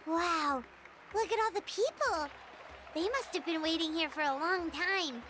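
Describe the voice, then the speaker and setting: A woman voicing a small, excitable, cheerful childlike fairy companion in a video game, talking in bubbly exclamations. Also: very high-pitched, unhurried, a little hiss or hum, exaggerated voice. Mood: excited. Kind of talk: animated video game voice acting. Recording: music behind the voice.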